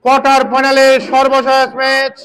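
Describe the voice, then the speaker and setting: A man's voice: extremely high pitch, completely flat delivery, fairly quick, a bit bright, a little hiss or hum. A man with a Bangladeshi accent giving live commentary and announcements at a local football match, often repeating his phrases. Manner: repeats phrases as he calls play. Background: crowd at a local football match.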